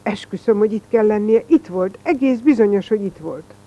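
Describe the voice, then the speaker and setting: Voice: medium pitch, warm tone, highs cut off, close to an everyday voice. A reader voicing a boastful schoolboy who plays detective, pompous and self-important, in a storybook reading. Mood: tearful, pleading. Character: boastful boy playing detective, male.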